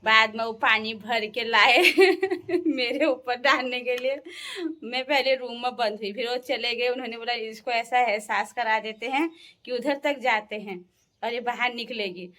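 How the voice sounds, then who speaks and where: A woman's voice: fairly high pitch, steady tone, sharp tone. A young woman from the Uttarakhand hills, chatting casually to her viewers as a vlogger and laughing often. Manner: chatty, laughs often, sings folk songs slowly. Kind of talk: casual storytelling.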